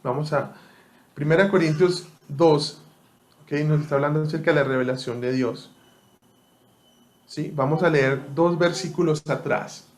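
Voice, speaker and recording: A man's voice: on the high side, steady tone, measured pace, long pauses. A young man teaching a Bible study to an online group, conversational and often asking listeners to respond.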